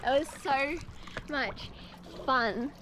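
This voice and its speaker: A woman's voice: high voice, drawn-out words, noisy background. A teenage girl vlogging on a sailboat, holding the camera at arm's length and chatting casually with lots of fillers. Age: teens. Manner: relaxed, chatty, giggly with fillers. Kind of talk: casual vlog chat. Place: on a sailboat outdoors. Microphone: handheld camera at arm's length.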